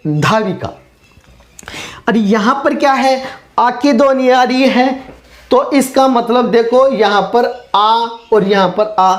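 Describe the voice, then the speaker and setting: Slow, patient male teacher. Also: high-pitched, darkish tone. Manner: poses questions to the class and answers them himself; patient, step-by-step explaining. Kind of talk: classroom grammar lesson.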